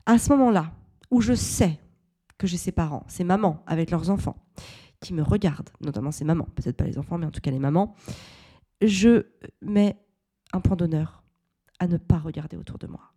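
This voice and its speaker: A woman's voice: fairly low pitch, moderate pace, long pauses, warm tone, slightly rough. A woman in her thirties, hosting a parenting podcast, who tells a personal story in a candid, reflective way with frequent restarts.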